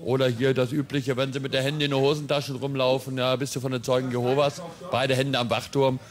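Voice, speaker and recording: A man's voice: mid-range voice, little pitch movement, fairly quick, music in the background. A middle-aged man with a German accent, a market crier answering bluntly and cheekily into a handheld microphone. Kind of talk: interview answer. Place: outdoor market sales truck. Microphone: handheld reporter microphone.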